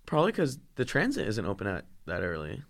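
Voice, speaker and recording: A man's voice: fairly low pitch, huge pitch swings, fast talker. A young man co-hosting a podcast, telling stories in casual chat, swearing freely and laughing as he talks. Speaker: podcast co-host.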